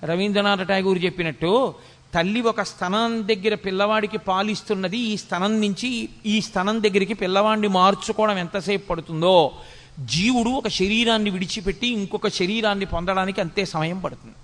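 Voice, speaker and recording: A man giving a spiritual discourse, chanting verses slowly and scolding in rapid rhetorical questions. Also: high-pitched, a bit bright. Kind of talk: Telugu religious discourse. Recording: long hall reverb.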